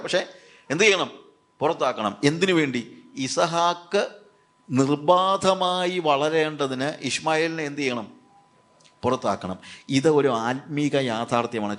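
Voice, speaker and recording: Male evangelist, voice a bit high, sermon delivery, asks questions and answers them himself. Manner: mixes English words into his speech. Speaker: evangelist preacher.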